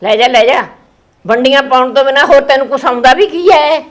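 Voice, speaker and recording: A woman playing a sharp-tongued older village grandmother who scolds and comforts. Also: high voice, brisk, close to an everyday voice. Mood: scolding. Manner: scolding, then soothing.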